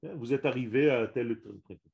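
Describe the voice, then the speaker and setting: In a muffled recording with a crowd in the background, a man with a gravelly, mid-range voice teaches a small group about Hebrew in a religious lesson at a normal pace. He speaks emphatically, going back over and restarting his words while leaning on each Hebrew term.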